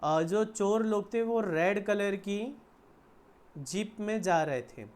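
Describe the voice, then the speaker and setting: Indian guy teaching accounts, slow and patient, keeps asking then answering his own questions. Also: sits high, clear, resonant tone. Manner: explains slowly in mixed Hindi and English, asks and answers own questions. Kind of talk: classroom lecture.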